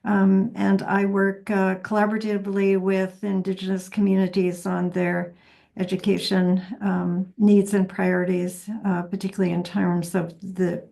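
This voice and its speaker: A woman, an academic panelist giving a measured self-introduction on a video call. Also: fairly low pitch, level tone, creaky, mellow.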